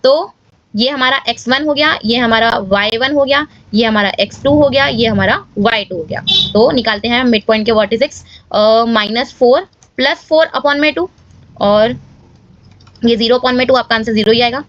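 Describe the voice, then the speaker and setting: High-pitched lady explaining maths problems, chatty, keeps asking clear?, muffled dry audio. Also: moderate pace, a bit bright. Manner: casual, addresses viewers as guys, checks with "clear?". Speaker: maths teacher. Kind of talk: step-by-step maths lesson.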